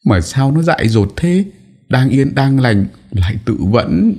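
A man voicing the older first wife of a household in an audio story, with a husky voice and a fretful, scolding manner. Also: mid-range voice, expressive, normal speed, warm tone, voice pushed up. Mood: alarmed.

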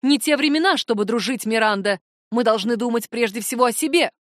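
A woman voicing a stern, fearful middle-aged mother who scolds in a sharp, commanding way. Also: a little high, fairly quick, no echo, studio quality, close to an everyday voice. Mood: fierce.

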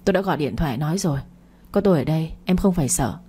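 A gruff, curt grown man from a romance storybook, as a woman reader voices him. Lowish, dark-toned and husky, with clipped, blunt replies. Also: expressive, racing, full character voice. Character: gruff older man, curt but caring.

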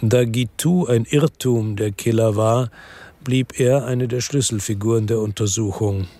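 In a radio drama, an actor voices a brooding investigator narrating his own story in the first person. His medium-pitched, warm voice moves slowly in a somber mood.

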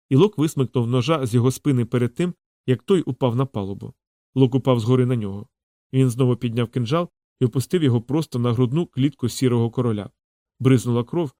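A man reading a fantasy audiobook aloud in dramatic, measured scripted narration. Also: mid-range voice, dark tone, dry recording, clean studio sound.

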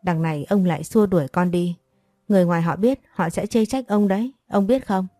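A woman's voice: lowish voice, a little fast, dark tone, no echo, studio quality, faint music behind, lightly acted. A woman reading as a pleading ailing mother. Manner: pleading, scolding.

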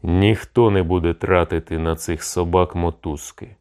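A fiery, scornful cossack voiced by a man spits out threats in a storybook reading. His voice sits low and deep, then flares up sharply when he mocks. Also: steady tone, normal speed, smooth. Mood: mocking. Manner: shouting threats, mocking.

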